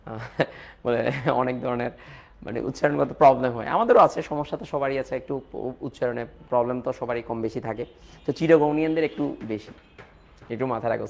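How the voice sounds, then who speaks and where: A man teaching chemistry in a live online lecture, repeating points, mixing in English terms and urging students to reply quickly. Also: medium pitch, gravelly. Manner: repetitive, coaxing, mixes English terms into explanations.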